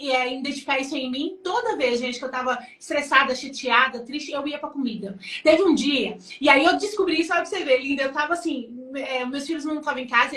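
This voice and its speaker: A Brazilian woman with a high, bright voice hosts a live-stream devotional chat. She talks in an animated, expressive and affectionate way. The sound is echoey, as if in a bare room. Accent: Brazilian Portuguese. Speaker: host.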